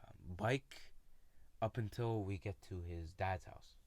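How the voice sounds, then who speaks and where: A man telling a personal story in a casual, halting way, with many fillers and restarts. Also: sits low, darkish tone, no room sound. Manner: retells friends' lines in his own voice.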